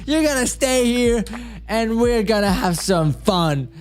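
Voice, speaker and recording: A man voicing a teasing male viewer who mocks the streamer in a taunting, singsong way, pitched well above his own voice. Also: lively intonation, unhurried, clean tone, soft background music. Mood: mocking. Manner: taunting, singsong boo-hoo mockery.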